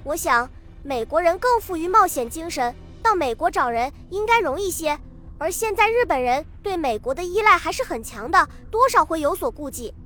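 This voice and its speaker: Woman narrator voicing a firm, decisive male official, high bright read, faint music behind. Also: big pitch swings, normal speed, full character voice. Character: middle-aged male Chinese official, calm and decisive.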